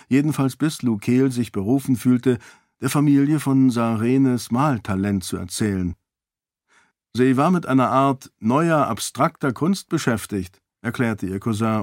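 Calm male audiobook narrator, dry sound. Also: on the low side, no room sound. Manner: calm, even storytelling. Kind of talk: scripted narration.

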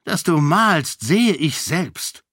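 A man voicing an irritable, blustering older king who shouts in exasperation. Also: a little high, animated, takes it slowly, dry recording, studio quality, pitched above the performer's own voice, exaggerated voice. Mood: exasperated.

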